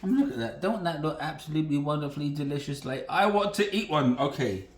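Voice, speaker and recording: A man with a fairly high, lively, fast voice hosts a home cooking channel, rambling in a folksy way as he demonstrates a recipe. The casual demo is recorded in an echoey kitchen.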